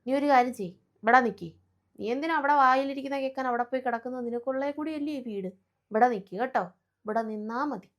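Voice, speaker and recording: A woman's voice: high voice, fairly even intonation, rapid-fire, few pauses. A woman acting out a family skit, fussing and scolding as she plays several relatives.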